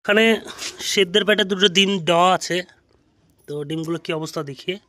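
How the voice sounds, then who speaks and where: A man's voice: high voice, fairly even intonation, a little fast, pushed and bright. A man with a Bengali accent casually vlogging on a rooftop, explaining as he feeds his pigeons. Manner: chatty, explaining while feeding birds. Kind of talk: casual vlog to camera. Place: outdoors on a rooftop.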